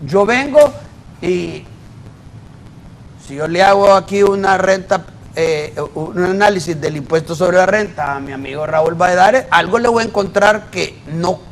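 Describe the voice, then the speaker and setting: Male auditor guest, high-pitched, emphatic and explanatory. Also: unhurried, a little hiss or hum, poor audio. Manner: emphatic, explains with worked examples. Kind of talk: debate in a TV interview.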